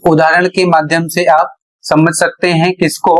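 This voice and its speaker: A male teacher explains how to pronounce a letter, speaking at a slow, unhurried pace. His voice sits somewhat high for a man. He spells words out letter by letter and returns to each point with steady, patient repetition. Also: poor audio. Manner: slow, deliberate, repeats phrases while explaining. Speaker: English pronunciation teacher.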